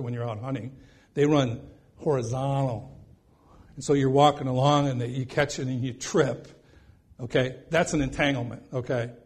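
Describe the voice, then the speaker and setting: A man's voice: medium pitch, a little mellow, breathy edge. A man preaching a sermon in a folksy, rambling way, often checking in with "okay?".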